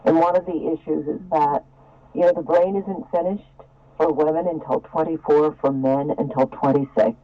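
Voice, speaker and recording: A woman's voice: low-pitched, fairly even intonation, moderate pace. A woman speaks as an expert on a radio panel. She explains her points in an emphatic, instructive way. The sound is dull and lo-fi. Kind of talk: earnest radio panel discussion.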